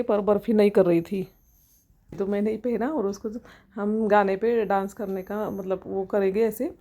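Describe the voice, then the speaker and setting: A woman's voice: mid-range voice, warm tone. A woman in her thirties, a mother, narrating her family vlog in a homely, rambling way with fillers and restarts. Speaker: vlogger and mother. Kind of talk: casual narration over home video.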